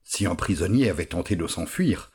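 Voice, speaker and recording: A man reading a storybook aloud with expressive, unhurried storytelling. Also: deep voice, breathy edge. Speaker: narrator. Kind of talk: storybook narration.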